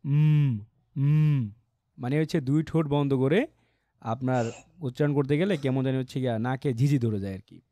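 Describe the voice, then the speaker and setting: A man teaching an online English pronunciation class, explaining patiently and modeling phrases slowly with strong word stress. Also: mid-range voice, warm tone, no echo. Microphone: computer mic on a video call.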